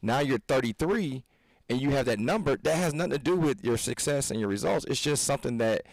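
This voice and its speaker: A man in his thirties co-hosts a fitness podcast and works as a fitness coach, speaking at a medium pitch with lively intonation and a fairly quick pace. His casual podcast talk is earnest and preachy, rambling and restarting. The low-quality recording has no echo.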